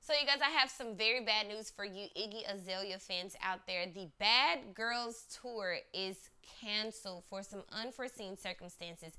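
A woman's voice: medium pitch, normal speed, hardly any pauses, bright, forceful tone, slight background noise. A woman hosting a casual entertainment news roundup, chatty and upbeat, talking straight to her viewers. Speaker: host.

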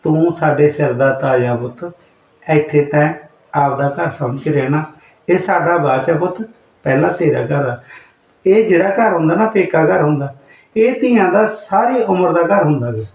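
An actor playing an ailing elderly father who gently comforts his returning daughter. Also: on the high side, normal speed, lightly acted. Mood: comforting. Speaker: father character. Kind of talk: Punjabi short-film acting. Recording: roomy echo, mic at a distance.

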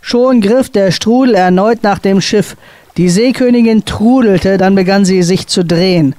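A woman author reading a dramatic sea story aloud on a radio show, expressive and building tension. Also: mid-range voice, unhurried, no room sound. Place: radio studio.

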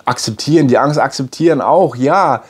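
A man records a personal video diary and speaks straight to his viewers. He talks in a halting, searching way, repeating words and restarting his sentences. His voice sits at an ordinary middle pitch. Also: husky. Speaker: vlogger.

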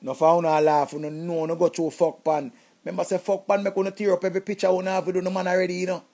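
A man's voice: sits high, fast. A man with a Jamaican accent, telling comic stories about his past and acting out the voices of the people in them. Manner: animated, acts out voices, shouts and laughs. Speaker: comedic storyteller. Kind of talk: comic storytelling.

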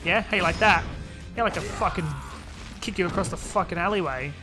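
A man talks over a video game with loud, steady game music behind him. He swears constantly and trash-talks the characters, and his voice sits a little higher than average. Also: fairly quick. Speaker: gaming video host. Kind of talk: profane let's-play commentary. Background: video game music and sounds.

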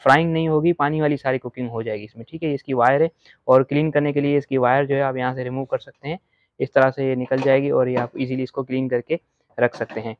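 A man gives an eager, informal teleshopping-style sales pitch as a shopkeeper demonstrating products, recorded on a handheld phone in a shop. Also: little pitch movement, fast talker, no echo, muffled recording. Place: inside a crockery and appliance shop. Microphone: handheld phone behind the camera.

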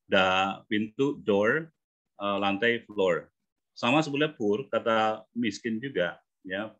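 A man with a fairly low voice coaches pronunciation in an online class. He explains patiently and stretches out example words so learners can copy them. The sound is muffled, like a video call. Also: fairly bright tone. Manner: explains patiently, models English words slowly.

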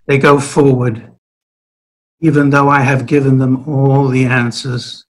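A man voicing God as a tender, sorrowful fatherly figure who speaks gently and pleadingly. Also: mid-range voice, slightly rough. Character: God, a loving, grieving fatherly male deity.

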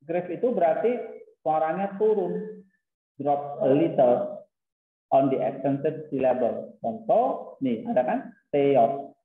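Slow-talking teacher on a tinny, echoey line. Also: male voice, a little high, lively intonation. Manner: explains slowly, mixing in English terms. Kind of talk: casual classroom lecture. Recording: tinny phone-like, roomy echo.

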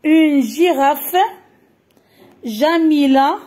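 Woman, Moroccan accent, Arabic native, children's phonics teacher, high voice, slow and repetitive. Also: darkish tone. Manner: slow, repeats each word carefully. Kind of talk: French phonics lesson for children.

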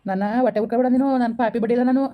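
Fast-talking guilt-ridden village husband voiced by a woman, muffled lo-fi sound. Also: on the high side, steady tone, lightly acted. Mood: remorseful. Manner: sorrowful, self-blaming, reassuring. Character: remorseful village husband back after years away. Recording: dull lo-fi recording.

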